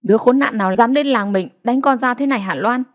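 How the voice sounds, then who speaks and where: A woman's voice: on the high side, fast, voice pushed up, lightly acted. A woman voicing a hot-tempered middle-aged village man who rallies others in anger. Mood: furious. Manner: angry and rallying.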